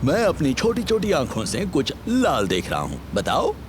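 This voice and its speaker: A man's voice: fairly high pitch, huge pitch swings, normal speed, noisy background. A man voicing a jovial, stubborn father pig in a children's cartoon, playful and hammy with confident delivery. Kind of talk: children's cartoon dub acting. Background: music.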